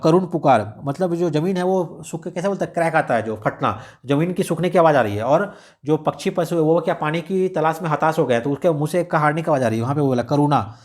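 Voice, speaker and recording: A man's voice: on the high side, darkish tone. A man, tutoring exam students through a radio script step by step, repeating and rephrasing as he goes. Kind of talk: explaining a radio script in a lesson.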